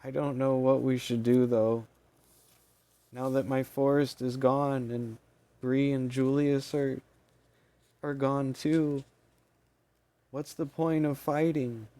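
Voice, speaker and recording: A man reading an audiobook, voicing a tiny winged fairy woman with a squeaky voice who speaks weakly and falters. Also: little pitch movement, dark tone. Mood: defeated. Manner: faltering, halting speech.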